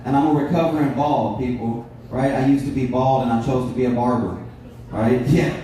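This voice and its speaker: A man's voice: medium pitch, fairly even intonation, normal speed, warm tone. A man in his thirties doing a stand-up comedy set on a club stage, brash and profane, bantering with the audience. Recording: echoey club room, distant, crowd laughter.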